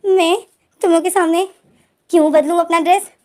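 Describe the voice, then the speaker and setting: Woman doing a flustered young man, high raised voice, panicky, protesting. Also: steady tone, normal speed, darkish tone.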